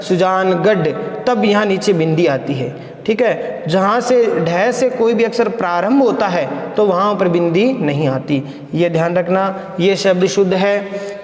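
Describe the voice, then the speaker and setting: A man's voice: sits high, darkish tone. A man teaching a college grammar lesson, patient and repetitive, often checking in with his students. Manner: patient, repeats words slowly with many check-ins. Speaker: college Hindi lecturer. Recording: echoey room with long reverb.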